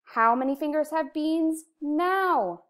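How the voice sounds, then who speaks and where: A woman in her thirties with an American accent, teaching young children in a kindergarten teacher voice, with simple encouraging phrases and clear counting. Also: sits high, expressive, slow, fairly bright tone. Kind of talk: slow instructional lesson to young children. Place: indoor room, recorded video lesson at a computer.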